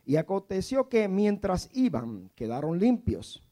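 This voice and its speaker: A man in his fifties preaching with a warm, mellow tone that sits a little high for a man. He tells the story in a storyteller's manner, slipping into soft, hushed passages. He also calls on the congregation to repeat key words back to him. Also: very animated, unhurried. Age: 50s. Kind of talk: sermon.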